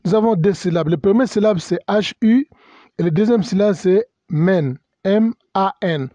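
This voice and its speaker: Speaking at a moderate pace, a high-pitched, mellow-voiced pastor gives a teaching sermon with no echo in the recording. Bilingual in English and French, he hesitates a lot, uses many fillers, corrects himself, spells out words and mixes in English terms.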